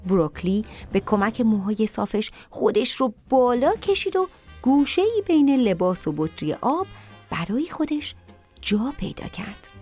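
A woman narrating a children's story in an expressive, animated way. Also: on the high side.

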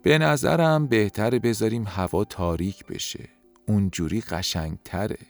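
A man voicing a calm, wise magical snail who speaks patiently and gently. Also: fairly low pitch, faint music behind, natural voice.

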